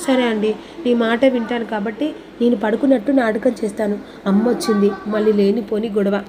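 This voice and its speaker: A woman voicing a gentle young husband who speaks in a soothing, hushed way to keep the peace. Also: on the high side, steady tone, fairly quick, noisy background, close to an everyday voice.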